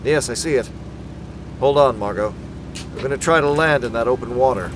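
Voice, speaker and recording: An actor playing a menacing, commanding invisible avenger in a 1940s-style radio drama, theatrical and ominous. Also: male voice, mid-range voice, a little fast, noisy background, natural voice. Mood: resolute.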